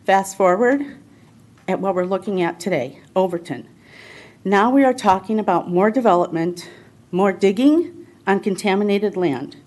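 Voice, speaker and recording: A woman's voice: medium pitch, a little mellow. Concerned woman resident, prepared public comment, earnest and pleading. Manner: earnest, pleading, reading from notes. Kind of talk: prepared statement at a council meeting. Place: city council chamber.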